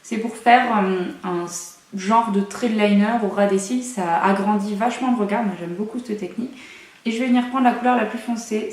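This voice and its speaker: A woman's voice: medium pitch, a little mellow, distant mic. A young woman chatting through a makeup tutorial at home, with playful, self-mocking asides. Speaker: beauty vlogger. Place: room at home. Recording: echoey room, mic set away.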